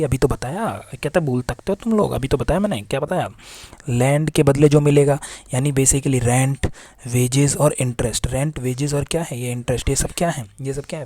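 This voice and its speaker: A young male teacher gives a casual classroom lecture in a warm, mellow voice. He keeps asking his students questions and answering them himself. The sound is close and dry, with little room in it. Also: medium pitch, dry recording.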